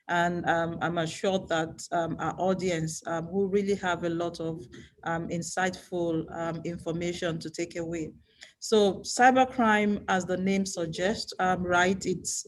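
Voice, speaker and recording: Low-voiced woman, hesitant with many ums. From Nigeria. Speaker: panelist, bank security chief. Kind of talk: panel conversation. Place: Lagos, on a video call. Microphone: video call.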